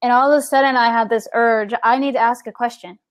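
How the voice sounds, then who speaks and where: A woman's voice: on the high side, quick pace, no echo. A woman guest telling a personal story in a casual interview, acting out the voices of the people in it. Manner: animated, acts out the people in her story.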